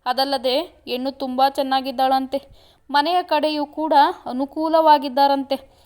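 A woman's voice: high voice, unhurried. A woman reading aloud, voicing a tearful, jealous young village woman who pleads and accuses between sobs.

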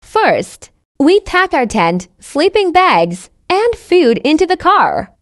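Reading slowly from a script, this narrator of English learning stories uses a high, lively voice and pronounces each phrase with care. She repeats sentences word for word, and the close, dry recording has no room echo.

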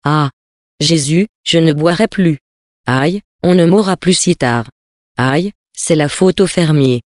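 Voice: mid-range voice, slow, no echo, clean studio sound, close to an everyday voice. A reader voicing a plump, wine-loving village priest who groans and pleads as he swears off drink. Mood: groaning. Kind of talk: storybook reading.

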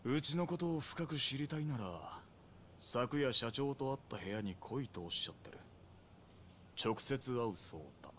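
A man acting a cocky streetwise enforcer, rough yakuza speech. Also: mid-range voice, normal speed, fairly bright tone, slight background noise, close to an everyday voice. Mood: businesslike. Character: cocky, sardonic real estate enforcer, streetwise tough man. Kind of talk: video game drama acting.

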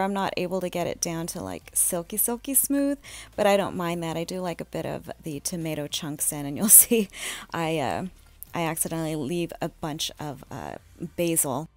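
A woman in her thirties giving a casual, chatty cooking voice-over, relaxed and easygoing. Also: on the low side, creaky, no room sound. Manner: relaxed, chatty, with fillers and small laughs. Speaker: home cook vlogger.

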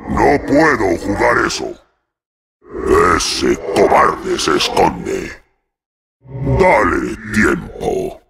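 An actor playing an arrogant, menacing demon lord in a video game, with a gravelly voice, Castilian Spanish accent and grandiose, commanding delivery. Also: male voice, fairly low pitch, background noise, heavily acted. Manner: grandiose, theatrical, slow and commanding. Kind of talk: theatrical game character lines.

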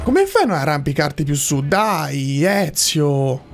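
A man's voice: fairly high pitch, big pitch swings, measured pace, vocal fry. A man giving casual, playful video game commentary as a streamer. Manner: playful, talks to game characters and viewers. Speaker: gaming streamer. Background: game music.

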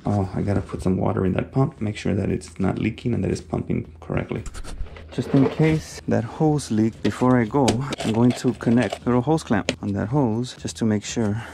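A man working as an HVAC technician, explaining his maintenance steps in a relaxed way with plenty of fillers, a little out of breath from his mask. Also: fairly low pitch, moderate pace, creaky, a little hiss or hum. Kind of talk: casual how-to narration while working. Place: house basement and yard, on a service call.

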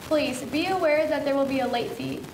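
A woman's voice: high voice, normal speed, echoey room, background noise. A teenage girl co-anchoring a school news show, steadily reading scripted announcements. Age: teens. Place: school TV studio.

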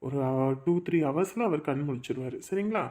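A man playing a hospital doctor who calmly reassures a mother, mixing in English medical words. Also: a little high, fairly quick, close to an everyday voice. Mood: reassuring. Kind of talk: drama acting.

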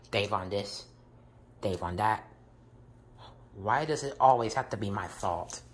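A woman voicing a tired, put-upon husband who sighs and lectures in a slow, low voice. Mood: weary. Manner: low, drawn-out, sighing. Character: weary put-upon husband, sighing and preachy.

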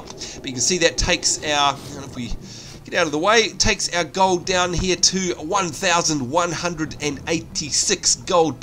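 A man's voice: mid-range voice, a bit bright, slight background noise. Nasal, stuffed-up Australian man, pinched-nose sound. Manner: chatty, explanatory, addresses viewers directly. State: congested with hay fever. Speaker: let's play video host. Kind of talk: casual gameplay commentary.

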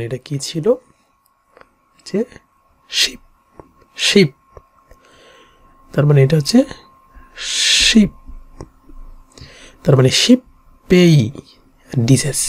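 A teacher explaining Japanese kanji in Bengali with a Bangladeshi accent, repeating each reading slowly and going through it stroke by stroke. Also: medium pitch, darkish tone, slightly rough.

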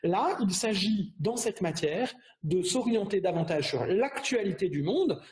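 A man's voice: sits high, expressive, darkish tone. Hesitant middle-aged man explaining a course. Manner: measured, explanatory, with frequent hesitations and restarts. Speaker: program director presenting a prep course. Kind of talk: open-day presentation over slides.

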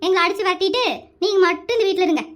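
A woman voicing a strict, fed-up mother in a cartoon family comedy who scolds her sons with a sharp tongue. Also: extremely high pitch, very fast. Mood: scolding.

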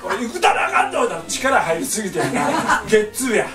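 This older painter speaks with a Kansai Japanese accent, spinning a funny family tale for a small audience, doing the characters' voices and chuckling as he goes. His delivery is high-pitched, sing-song and quick. The room echoes, the mic is distant, and a loud crowd can be heard.

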